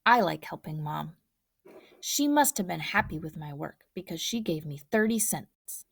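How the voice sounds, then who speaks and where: A woman reading a children's picture book aloud in a gentle, hushed storytelling voice. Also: sits low, expressive, moderate pace, creaky, slightly rough, dry recording, clean studio sound. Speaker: storybook reader.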